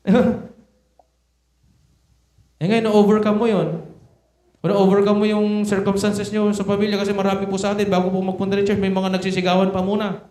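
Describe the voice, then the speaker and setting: A man preaches a sermon that mixes Tagalog and English, and his voice sits high for a man. He keeps turning to the congregation with rhetorical questions. The recording is echoey, as if captured in a church sanctuary. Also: monotone, brisk, pauses often, a little mellow.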